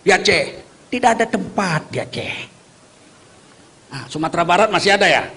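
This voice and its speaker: A man delivers a fiery sermon in a remarkably high-pitched voice. He jokes with his listeners and keeps pressing them to answer back. His delivery is rousing, built on call-and-response with the crowd. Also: very animated, moderate pace, sharp tone. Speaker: Islamic preacher.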